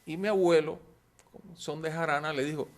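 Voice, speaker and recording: A man's voice: fairly high pitch, fairly even intonation, normal speed. A man, lecturing informally and answering questions in an anecdotal way, often seeking agreement with short tag questions.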